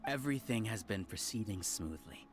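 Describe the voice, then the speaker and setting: A man's voice: lowish voice, lively intonation, moderate pace, slight background noise, close to an everyday voice. A male actor playing an arrogant, zealous researcher who leads a hive-mind cult, delivering grandiose villain monologues in a video game.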